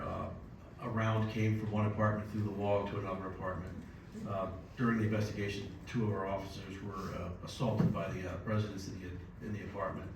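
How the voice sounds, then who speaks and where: A man giving a police chief's report at a city council meeting, measured and full of filler pauses. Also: on the low side. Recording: echoey council chamber, distant mic, background noise.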